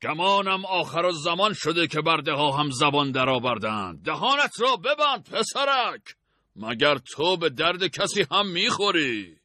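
A man's voice: medium pitch, animated, sharp tone, dry recording, studio quality. A man voicing a cruel, mocking caravan master in an audiobook, with a sneering, taunting delivery. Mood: angry. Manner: sneering, taunting, laughs at others. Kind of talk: audiobook character voice.

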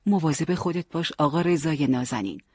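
A man voicing a teasing but caring young male fighter who leads his friends, with a husky voice. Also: on the high side, no echo. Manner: joking, bossy yet warm.

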